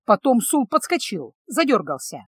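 A woman narrating a fantasy audiobook in a steady storytelling voice. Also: on the high side, moderate pace, breathy edge, no echo, clean studio sound.

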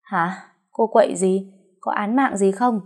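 A woman's voice: mid-range voice, unhurried, pitched above the performer's own voice. A woman voicing a brash, tipsy, scheming young wife who wails theatrically. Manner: loud, theatrical, wheedling wails.

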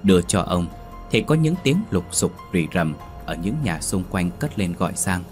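Male horror narrator, low pitch, very animated delivery, faint music under. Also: moderate pace. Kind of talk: dramatic horror story narration.

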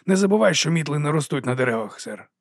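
A man voicing an ancient, wily monk sweeper who teases and chides in a raised, lively voice. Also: on the high side, quick pace, dry recording, clean studio sound, pitched above the performer's own voice. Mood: sly teasing. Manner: teasing, chiding, lively.

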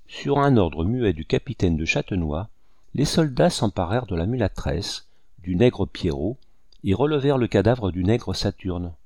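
A man narrating an audiobook in a dramatic, measured storytelling manner. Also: sits low, a little mellow, no room sound, studio quality. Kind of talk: scripted narration.

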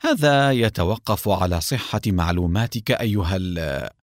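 A man's voice: low voice, animated, normal speed, no room sound, clean studio sound. A man reading a story aloud and voicing a cold, haughty middle-aged doctor who speaks curtly and condescendingly.

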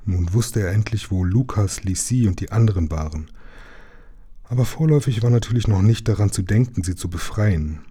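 A man reads a children's storybook aloud with calm, even storytelling. His voice is very dark and mellow, sitting in a low register. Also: brisk, husky. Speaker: reader. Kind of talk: reading a children's book aloud.

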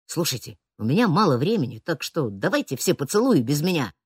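A woman voicing a serious, cautious teenage boy who talks tersely in a lowered voice. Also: big pitch swings, fairly quick, husky, no room sound, studio quality, exaggerated voice. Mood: grumbling.

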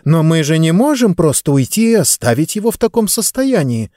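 A man's voice: on the high side, big pitch swings, brisk, dark tone, dry recording, studio quality, pitched above the performer's own voice. A man voicing a kind-hearted young girl who pleads earnestly, in an audiobook. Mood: pleading.

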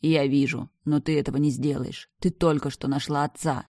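A woman reading the lines of a gentle, protective older brother in an audiobook, soft and reassuring. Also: deep voice, fairly even intonation, normal speed, no echo, studio quality. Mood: tender. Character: gentle protective dead older brother, tender young man.

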